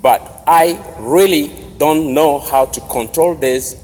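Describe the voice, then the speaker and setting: A man from Togo with a Togolese accent gives a formal commencement speech with personal storytelling, speaking deliberately in short, separated phrases. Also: a little high, a little mellow. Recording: noisy, reverberant large hall ambience.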